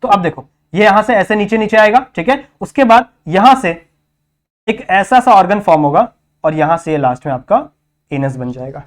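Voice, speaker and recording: Man teaching biology at a whiteboard. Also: high-pitched. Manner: repeats each term as a question to the class; checks in often with "thik hai". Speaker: biology tutor. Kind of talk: whiteboard lecture in Hindi-English mix.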